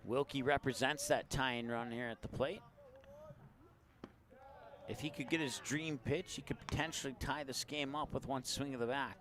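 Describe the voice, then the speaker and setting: A man calls a baseball game play-by-play in an easygoing, chatty way. He fills the gaps between pitches with stories and picks up the pace on the action. He has the hiccups. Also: fairly even intonation, moderate pace, fairly bright tone. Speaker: play-by-play announcer.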